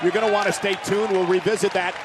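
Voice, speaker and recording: A man giving dramatic, excitable live play-by-play as a wrestling commentator. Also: high voice, fast, over a noisy crowd, very noisy.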